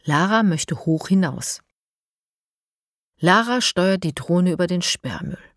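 A woman narrating a children's audiobook in a calm, measured way. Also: on the low side, no room sound, studio quality.

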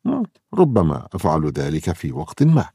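A man's voice: a bass voice, wildly swooping pitch, normal speed, gravelly, dark tone, slightly rough, dry recording, studio quality, full character voice. A man voicing a kind, cheerful young male helper in a reassuring, friendly manner.

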